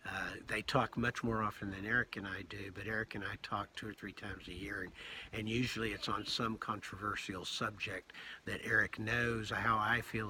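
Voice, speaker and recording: A man's voice: fairly low pitch, noisy background. A middle-aged man recording a casual spoken diary of his pilgrimage, talking reflectively with many fillers and restarts. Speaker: pilgrim vlogger.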